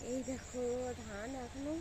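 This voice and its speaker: A young woman with a high-pitched voice, hoarse from a cold, chats to her viewers in a casual vlog. She talks straight to them and keeps pointing things out. She is filming outdoors on a phone in a rice field, with faint rural sounds and goats in the background. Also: moderate pace, background noise. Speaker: vlogger.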